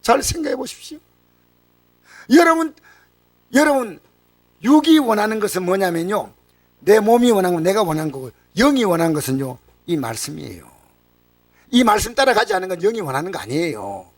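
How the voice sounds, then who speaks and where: High-voiced Korean pastor preaching passionately. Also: male voice, very animated, brisk, long pauses, no echo, recorded from a distance. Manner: impassioned preaching, swinging between loud cries and near-whispers. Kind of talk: sermon.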